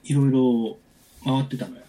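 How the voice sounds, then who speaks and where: A man's voice: medium pitch, moderate pace, mellow. A man in his forties telling a long personal story in casual chat, with many fillers and restarts.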